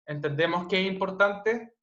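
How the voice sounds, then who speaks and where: A loud, bright, forceful Chilean man lectures students over a video call, punctuating his points with constant tag questions. His slightly high voice sounds roomy and dull, as if the mic sits in a bare room. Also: moderate pace. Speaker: teacher. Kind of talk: online class lecture. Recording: dull, roomy online-class audio.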